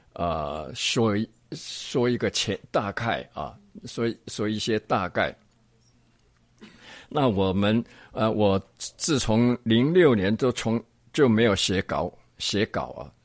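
An older man gives a Bible lesson in a low voice at a very slow, measured pace. He teaches without a script, often restarting sentences and drawing out each word when he reads passages aloud. The sound is dry and close. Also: no room sound. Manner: slow and deliberate, stretching words when reading passages aloud; frequent restarts and hesitations. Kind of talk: unscripted church teaching lecture.

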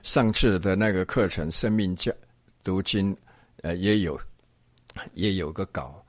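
Slow, deliberate older male Bible teacher. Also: deep voice, no echo. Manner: slow and deliberate, stretching words when reading passages aloud; frequent restarts and hesitations. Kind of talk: unscripted church teaching lecture.

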